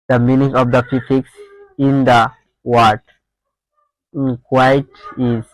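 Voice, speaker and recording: A man's voice: medium pitch, no room sound, poor audio. A man with a Bangladeshi accent teaching exam prep, reading quiz questions aloud and muttering answers to himself, repeating words as he thinks.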